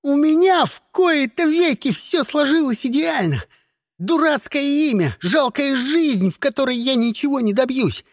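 A man's voice: very high-pitched, animated, a little slow, no echo, studio quality, voice pushed up. A man voicing a frantic, bullied teenage boy who screams with a cracking voice, in an audiobook.

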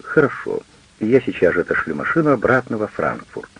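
A man with a low, gravelly voice playing a stubborn, defensive cavalry captain arguing with his wife in an audiobook. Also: huge pitch swings, brisk, full character voice, rough recording. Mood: pleading. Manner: sulky, then threatening.

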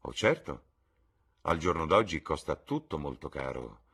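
A man voicing a witty, cynical aristocratic gentleman in an audiobook reading, with a husky voice and a drawling, ironic delivery. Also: extremely low pitch, very animated, measured pace, heavily acted.

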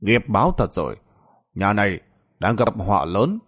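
A man voicing a solemn old male exorcist who speaks slowly and gravely in a spoken folk tale. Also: lowish voice, big pitch swings. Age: older.

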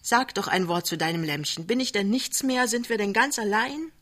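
Woman reader doing a soft, desperate young wife; storybook, plain voice. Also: medium pitch, animated, normal speed, voice pushed up. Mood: pleading. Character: young working-class wife, tender, desperate.

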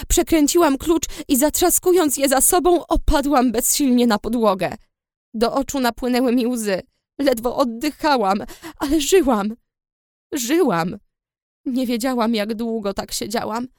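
A woman's voice: sits high, a little mellow, dry recording, clean studio sound. A woman reading a first-person audiobook story in a tense, dramatic way. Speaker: audiobook narrator. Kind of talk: first-person scripted narration.

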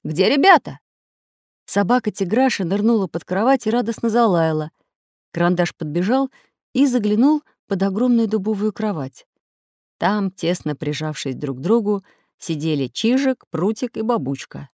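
A woman narrating a children's storybook in an expressive, clear reading. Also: mid-range voice, moderate pace, no room sound, clean studio sound.

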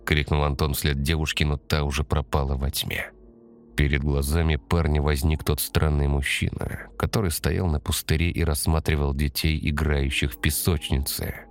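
A man narrating a story in a steady, measured audiobook reading. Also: extremely low pitch.

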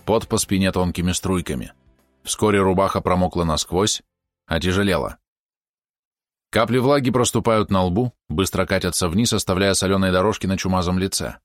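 Low-voiced male audiobook narrator. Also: normal speed, dry recording, clean studio sound, soft background music. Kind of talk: scripted narration.

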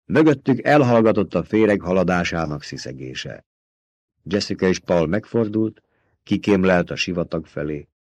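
A man with a fairly low voice narrates a novel aloud, his delivery dramatic and tense, dropping to a near hush and then building again. His pitch rises and falls widely across phrases. The sound is close and dry, with no room around it. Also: lively intonation, no room sound. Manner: dramatic, tense storytelling with hushed drops in volume. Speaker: audiobook narrator. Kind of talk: scripted audiobook narration.

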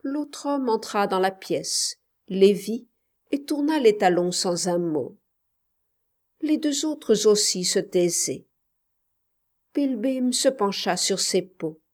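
Slow, measured woman narrating a story. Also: mid-range voice, lively intonation, darkish tone. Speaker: audiobook narrator. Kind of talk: scripted literary narration.

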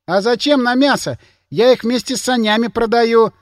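A man's voice: very high voice, normal speed, no room sound, studio quality, pitched above the performer's own voice. A man voicing a cheeky young village lad who haggles in a whiny, pushy way. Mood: pushy haggling.

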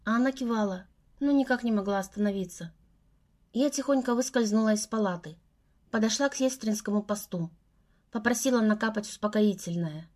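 Woman narrating a novel, measured. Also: medium pitch, darkish tone. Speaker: audiobook narrator. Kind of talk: first-person novel narration.

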